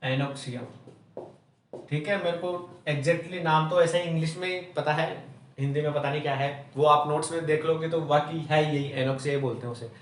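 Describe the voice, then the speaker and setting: This classroom chemistry lecture comes from a man from Rajasthan, India, whose slightly high voice moves a little fast with fairly even intonation. He asks and answers his own rhetorical questions, tagging almost every point with "theek hai," captured by a distant mic with roomy echo.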